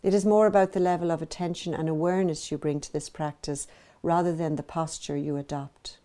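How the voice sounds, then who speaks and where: In a steady tone, a woman teacher leads a guided meditation with a soft, very mellow voice, a bit low for a woman. She is gentle and evenly measured, and soothing pauses divide her phrases.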